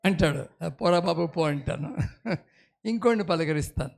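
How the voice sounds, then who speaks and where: A man preaching a sermon as pastor, leading the congregation in call-and-response and swinging between quiet storytelling and loud exclamations. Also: on the high side, moderate pace, creaky.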